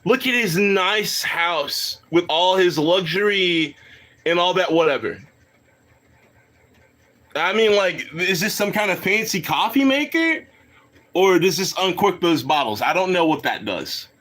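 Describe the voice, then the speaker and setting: A man's voice: sits high, sing-song, measured pace, a bit bright. A man giving casual, rambling reaction commentary on a live stream, swearing, laughing and talking to his chat.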